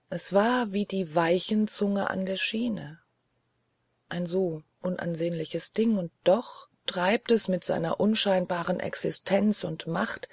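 A reader voicing a hushed, resigned young woman. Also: mid-range voice, creaky, breathy edge, dry recording. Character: grave, frightened young woman, selfless and resigned. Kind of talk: audiobook reading.

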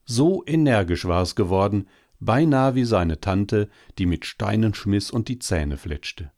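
A man reading a children's story aloud as a volunteer audiobook narrator, calm, unhurried and measured. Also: fairly low pitch.

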